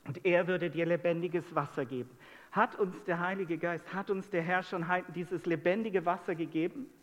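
Brief: high male preacher, sermon to a congregation, full of rhetorical questions, long church-hall reverb. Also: moderate pace.

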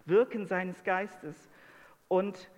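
A man with a high voice preaches a sermon, putting question after question to his listeners. His voice rings out with a long reverb in a church hall. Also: steady tone, extremely slow. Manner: asks the congregation many rhetorical questions.

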